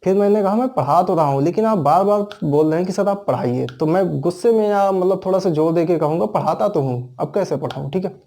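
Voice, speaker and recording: Mellow-voiced man teaching grammar. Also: sits high, quick pace, hardly any pauses. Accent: Indian. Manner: explains step by step, asks and answers his own questions. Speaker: English teacher. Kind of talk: classroom grammar lesson.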